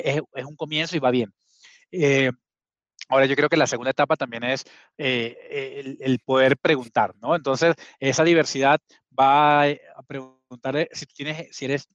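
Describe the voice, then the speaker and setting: A man's voice: medium pitch, fairly bright tone, no echo. A man, a guest telling his story earnestly and often restarting his sentences. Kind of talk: conversational storytelling. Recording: dull, dry sound.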